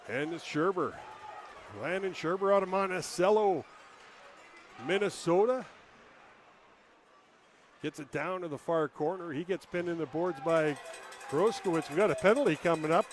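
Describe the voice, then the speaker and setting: A man calling hockey play-by-play in a rapid running call, rising to shouts on scoring chances. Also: on the high side, slight background noise. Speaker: play-by-play announcer.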